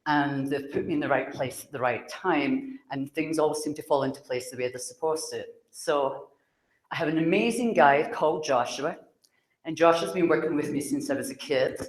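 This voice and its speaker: A woman from Glasgow with a Scottish accent, giving a chatty talk to an audience as a psychic speaker, speaking loudly and laughing often. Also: deep voice, reverberant. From Scotland.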